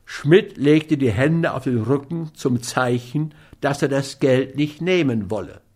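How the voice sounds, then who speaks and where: A man reading a novel aloud as narrator in a measured, storytelling manner. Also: mid-range voice, a little mellow. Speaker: audiobook reader. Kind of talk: scripted narration.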